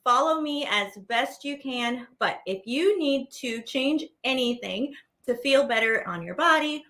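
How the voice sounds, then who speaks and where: A woman with a very high, bright voice leads a children's warm-up as a teaching artist in a movement class. She sounds playful, animated and exclamatory, a little slow, stretching out her words as she gives simple directions. The recording has a roomy echo, as though she is standing some distance from the mic.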